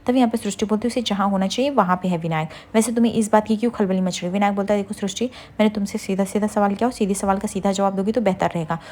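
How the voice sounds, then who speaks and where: Fast-talking woman retelling a serial. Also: mid-range voice, warm tone. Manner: rapid retelling with fillers, quotes each character in turn. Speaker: serial recap narrator. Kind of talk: casual story recap.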